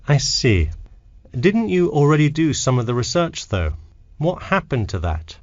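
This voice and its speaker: Male actor as matter-of-fact academic adviser, animated intonation, scripted dialogue, slightly muffled audio. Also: fairly high pitch, a little slow, no room sound. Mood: inquiring. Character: male university tutor, helpful and matter-of-fact.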